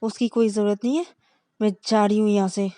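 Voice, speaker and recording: A woman's voice: very high voice, brisk, darkish tone, no room sound, clean studio sound, pitched above the performer's own voice. A woman voicing an angry young woman who scolds sharply.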